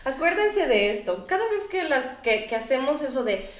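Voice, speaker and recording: A woman's voice: high voice, very animated, normal speed. A woman with a Mexican accent hosting a casual chat, blunt and joking, swearing freely. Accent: Mexican Spanish. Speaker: host. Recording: echoey room.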